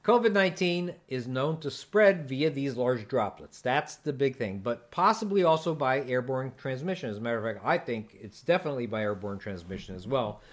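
A man's voice: mid-range voice, lively intonation, normal speed, few pauses. Man explaining on a medical podcast. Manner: explanatory, joking, with frequent fillers. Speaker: podcast host answering listener questions. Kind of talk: casual podcast chat and explanation.

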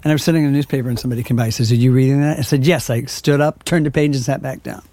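A man's voice: mid-range voice, steady tone, rapid-fire, a little mellow. A man co-hosting a casual political chat show, joking and often trailing off mid-sentence. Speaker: co-host.

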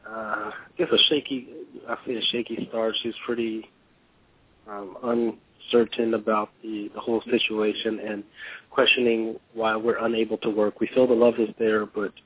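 A man's voice: lowish voice, husky, no room sound. A man speaking as a radio show caller, conversational and hesitant, over a tinny phone line.

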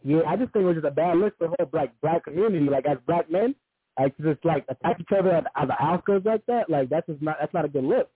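A man's voice: fairly high pitch, lively intonation, quick pace, slightly rough, dry recording. A man calling in over a muffled bluetooth phone connection that sounds underwater, talking loosely with lots of "like" fillers. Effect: muffled bluetooth phone line, sounds underwater. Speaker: caller. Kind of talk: casual call-in opinion. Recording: muffled dry phone-line call.

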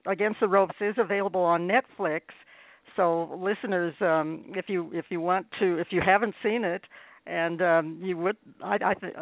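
A man hosting a radio interview, asking questions haltingly, with many fillers, restarts and soft chuckles. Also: high-pitched, vocal fry, dry recording. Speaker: radio show host. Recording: tinny phone line.

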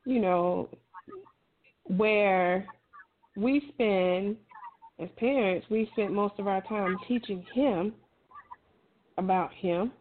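In a medium-pitched voice, a middle-aged woman speaks slowly and pauses often while giving casual advice. She is emphatic, encouraging and colloquial, and the recording has a thin phone-like quality with clear noise.

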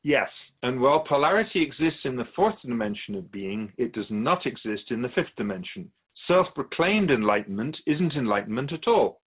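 Through narrow, tinny audio comes a medium-pitched male voice: a radio drama guest actor portraying a serene, wise keeper of souls from another world. He explains things deliberately, in a calm, instructive mood.

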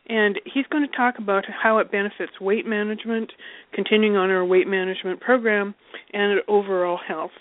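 A woman's voice: medium pitch, no echo. A woman hosting a call-in radio show, steadily reading through her introduction of the guest. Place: Alberta. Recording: dry tinny phone line.

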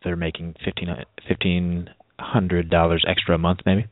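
A man co-hosting a radio talk show, telling stories in a lively casual way. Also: deep voice, moderate pace, no room sound. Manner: animated storyteller, voice jumps up in quotes. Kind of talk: casual chat. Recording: dry, phone-like narrow sound.

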